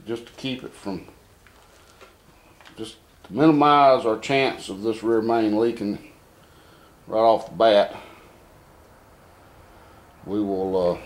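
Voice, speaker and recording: Working on an engine in a dim workshop, this home mechanic talks through the job casually, thinking aloud and muttering as a how-to demonstration. His voice is lowish and a little mellow, with a little hiss or hum on the recording.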